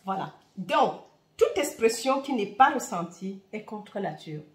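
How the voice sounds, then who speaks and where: Woman host with a Bamileke accent, slow, fervent spiritual talk, roomy echo. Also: mid-range voice, very animated. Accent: Bamileke-accented French. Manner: warm, fervent, with hesitant fillers. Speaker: spiritual reader and channel host. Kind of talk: heartfelt spiritual talk to viewers.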